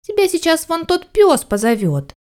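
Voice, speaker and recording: A woman doing the kitten Gav, high and patient. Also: huge pitch swings, moderate pace, exaggerated voice. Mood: reassuring. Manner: bright high voice, patient and reassuring. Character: clever kind little male kitten.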